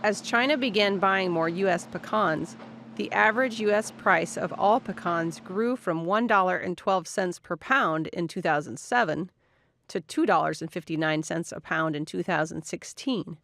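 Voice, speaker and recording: A reporter reading scripted news narration in a steady, measured way. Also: mid-range voice, a little hiss or hum.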